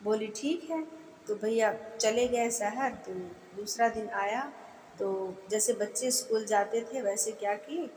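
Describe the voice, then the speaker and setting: A woman's voice: on the high side, measured pace, darkish tone, a little hiss or hum. Woman telling a folk tale in an echoey room. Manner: homely, chatty retelling with fillers and restarts. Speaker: devotional storyteller. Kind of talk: casual folk-tale narration. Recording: echoey room with long reverb.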